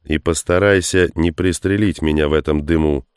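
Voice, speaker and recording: A man's voice: rumbling low, steady tone, moderate pace, clean tone, no room sound, studio quality. A man reading out the lines of a curt, commanding male soldier in an audiobook. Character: gruff male soldier leading a breakout.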